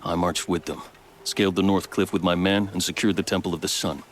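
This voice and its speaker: An actor playing a proud, measured male captain and veteran soldier. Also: low-pitched, little pitch movement, a little hiss or hum, lightly acted. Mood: proud steady.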